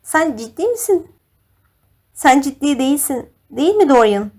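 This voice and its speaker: A woman's voice: high-pitched, sing-song, moderate pace, a little mellow, voice pushed up. A woman voicing a heartbroken young actress who pleads tearfully and imploringly with her lover. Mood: disbelieving.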